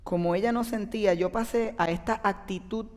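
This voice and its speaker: A man's voice: high voice, steady tone, normal speed. A man, preaching a sermon in a conversational way and speaking straight to the congregation. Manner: conversational, addresses the audience directly. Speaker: pastor. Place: church auditorium with an audience. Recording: long reverb from a large hall.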